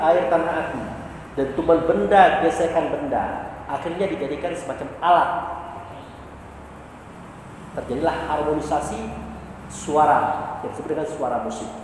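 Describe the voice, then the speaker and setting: A man's voice: on the high side, a little hiss or hum. A male preacher gives a conversational religious lecture, acting out imagined questioners. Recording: echoey hall, distant mic, faint ambience.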